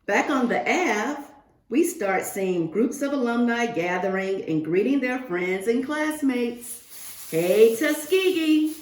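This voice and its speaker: Reading remotely from indoors as a guest for a second-grade class, a woman shares a picture book aloud with young pupils. Her slightly high voice is expressive and slow, and she adds asides and questions for the children. The virtual reading sounds roomy and echoing.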